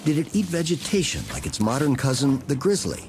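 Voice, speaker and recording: A male narrator delivers scripted nature documentary storytelling in a dramatic way. His intonation swings expressively, and music plays clearly beneath his voice. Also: medium pitch, huge pitch swings, a little fast. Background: music under the voice.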